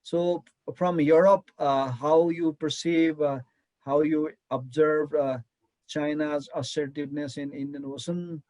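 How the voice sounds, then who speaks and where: A man moderates an online academic session, pausing often on fillers and restarting sentences. His voice sits fairly high and the video-call audio is dry and close. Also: steady tone, a little mellow, dry recording, poor audio. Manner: hesitant, many fillers and restarts. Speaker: session chair.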